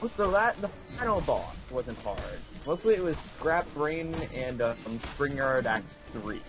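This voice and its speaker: A man's voice: mid-range voice, big pitch swings, measured pace. A teenage boy chatting casually while his friend plays, rambling and restarting his sentences, with music under his voice. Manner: rambling storyteller, restarts a lot. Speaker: friend co-commentating. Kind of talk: casual chat over gameplay.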